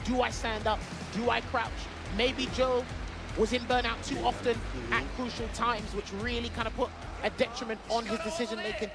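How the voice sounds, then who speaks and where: A man doing play-by-play commentary on a fighting game tournament, excitable and rising to shouts at big moments. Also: extremely high pitch, moderate pace, gravelly. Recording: stream replay with loud music.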